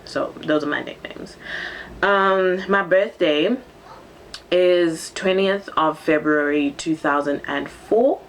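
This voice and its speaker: A teen vlogger with a deep voice talks slowly in a casual get-to-know-me video. The seventeen-year-old, originally Zambian and brought up in Cape Town, is bubbly and fills her speech with ums.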